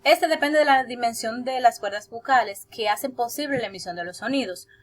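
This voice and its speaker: A woman's voice: on the high side, fairly quick. Young woman giving a class talk. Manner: steady, explanatory, with hesitant fillers. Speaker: student teacher presenting. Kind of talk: class presentation.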